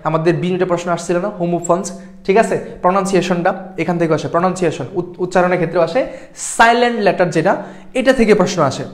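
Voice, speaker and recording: A man's voice: high-pitched, racing. A young man tutoring for an admission exam in a live class lecture, repeating points emphatically and often checking that students follow. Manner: repetitive, emphatic, keeps checking understanding.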